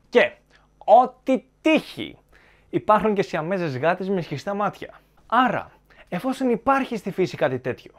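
A man giving opinionated film commentary to viewers, arguing his points in a sarcastic, argumentative way. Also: sits high.

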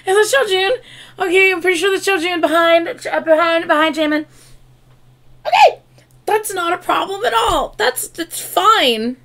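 Her pitch is extremely high and her pace moderate, though losing her voice has left this woman in her thirties hoarse. A K-pop reaction YouTuber, she chats excitably with laughs and exclamations at her home desk, webcam-framed, beside shelves of albums and collectibles.

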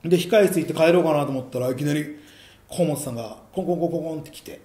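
A young man with a slightly high voice rattles through a backstage story at high speed, acting out the quotes as he goes. The sound has a roomy echo. He is one half of a comedy duo on a casual radio talk show. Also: mellow. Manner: fast storytelling, acts out quotes, laughs at own jokes.

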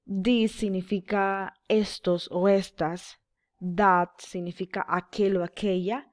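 A woman gives an English lesson to children, switching between the two languages. She speaks at an unhurried pace and repeats each word patiently so pupils can follow along. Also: mid-range voice, a little mellow. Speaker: English teacher. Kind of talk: bilingual classroom lesson.

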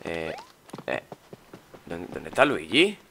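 A man's voice: low voice, wildly swooping pitch, slow pace, vocal fry, fairly bright tone, slight background noise. A young man from Spain commenting on a game he is playing, chatty and exclaiming, muttering while he searches. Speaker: gaming YouTuber. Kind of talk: let's play commentary.

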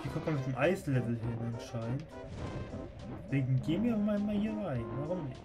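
A man's voice: medium pitch, expressive, a little fast. A man giving casual live commentary as he plays a game on stream. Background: video game music.

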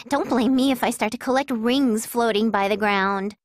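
A woman's voice: fairly high pitch, measured pace, dry recording, clean studio sound, close to an everyday voice. An actress playing a scatterbrained, cheeky teenage girl in an anime game, talking in a breezy, slangy, dramatic way. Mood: cheeky, bored. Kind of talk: scripted anime game voice acting. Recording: loud music under the voice.

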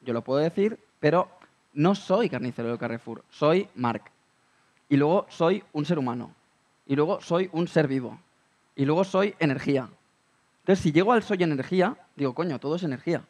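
Man, guest at a talk, slightly raised pitch, calm and reflective, explains with simple examples. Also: moderate pace. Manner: thoughtful, builds points with everyday examples. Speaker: guest speaker.

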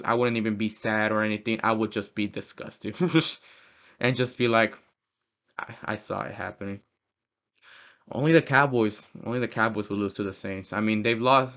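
A young man with a fairly low voice talks through his football picks in a loose, casual way. He corrects himself mid-sentence and banters like a fan. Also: fairly bright tone. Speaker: host. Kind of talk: casual sports prediction talk.

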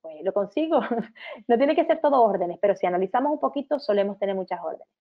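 A woman with a Canarian Spanish accent, in her thirties, giving an online lecture to teachers and parents, breaking into warm, sing-song quotes of how to talk to children. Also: medium pitch, expressive, fast talker. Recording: tinny phone-like sound.

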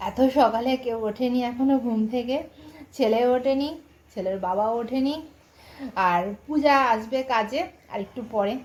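A middle-aged woman with a Bengali accent, chatting quietly and casually to her viewers in an early-morning home vlog, keeping her voice low so the family can sleep. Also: moderate pace, low-quality recording. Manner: soft-spoken, chatty, talking quietly so as not to wake the household. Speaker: vlogger.

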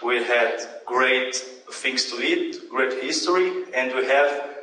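A man's voice: mid-range voice, bright, forceful tone, a little hiss or hum. A young man from Brazil with a Brazilian Portuguese accent, giving an academic conference talk in English with hesitant fillers and self-corrections. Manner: halting non-native English with frequent fillers and self-corrections. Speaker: conference presenter. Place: large dim lecture hall with a projection screen. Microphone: handheld microphone, heard through room speakers from a distant camera. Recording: echoey hall recorded from far off.

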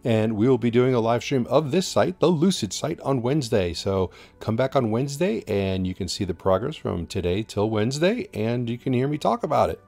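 A man hosting his channel, giving a relaxed, casual voice-over update with some filler words. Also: medium pitch, a little fast, vocal fry, hardly any pauses. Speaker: channel host. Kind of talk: casual voice-over for drone footage.

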